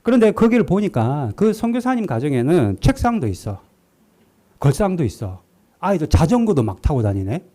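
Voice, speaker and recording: A male pastor preaching a sermon, telling a story with lively delivery and acting out the quotes. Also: on the high side, moderate pace. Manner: animated storytelling, acts out quotes.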